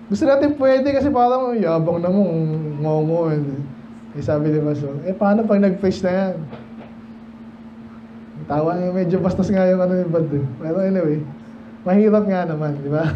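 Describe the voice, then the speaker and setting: A man from the Philippines preaching a midweek sermon and Bible study. He talks to the congregation in a loose, digressive way, asks them questions, and slows down to read King James verses. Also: high voice. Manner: mixes Tagalog talk with slow King James readings. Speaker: pastor. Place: church. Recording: dull lo-fi church recording with faint noise.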